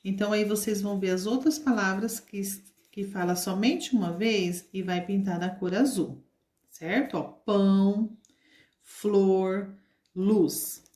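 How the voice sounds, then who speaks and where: Brazilian lady teacher, slow patient kids lesson, drags words out, roomy echo. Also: mid-range voice, a little mellow. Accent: Brazilian Portuguese. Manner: slow, patient, drawn-out word demonstrations. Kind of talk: recorded lesson for young children.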